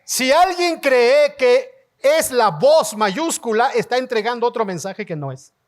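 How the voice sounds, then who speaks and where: A man preaching a sermon as pastor, leading his congregation in call-and-response and rising to shouts. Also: very high voice, expressive. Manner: slow, emphatic delivery, rising to shouts. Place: church hall before a congregation.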